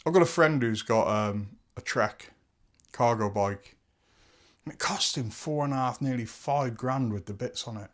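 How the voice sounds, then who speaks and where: A man's voice: medium pitch, a little slow, no room sound, studio quality. A man giving a chatty, enthusiastic bike review outdoors, rambling a little as he talks. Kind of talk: casual video review.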